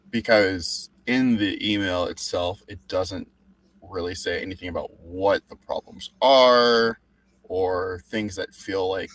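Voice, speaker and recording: A man co-hosting a casual writing critique, speaking in a measured, precise way in long, careful sentences. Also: low voice, a bit bright, low-quality recording. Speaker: co-host reviewing copywriting.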